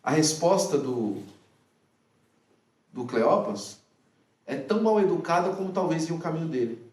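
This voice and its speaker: A man preaching a sermon, animated and full of rhetorical questions to his listeners. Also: on the high side, unhurried. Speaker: pastor. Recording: echoey hall, from far off.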